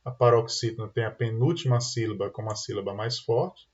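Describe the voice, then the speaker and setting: With a Brazilian Portuguese accent and a lowish, steady voice, a man runs an online exam-prep lesson a little fast. He explains things step by step, often checking in with "tá?" and "né?", and the sound is dull and lo-fi.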